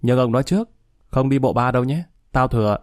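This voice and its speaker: A male narrator voicing a gruff young man who talks bossily to his friend. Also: mid-range voice, fast talker, no room sound, studio quality, lightly acted. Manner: gruff, bossy.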